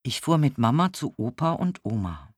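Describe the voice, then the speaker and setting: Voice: medium pitch, breathy edge, no room sound, studio quality. A narrator reading a children's audiobook aloud, telling the story as a young boy detective. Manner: slow, lively storytelling as a seven-year-old boy detective.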